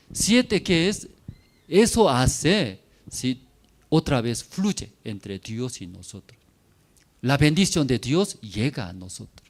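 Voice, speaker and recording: A man preaching a sermon in a church, his delivery unhurried and drawn out. His pitch swings widely from phrase to phrase as he builds each point. He speaks in short, choppy, simple phrases and keeps tossing quick tag questions to the congregation. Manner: checks in constantly with tag questions.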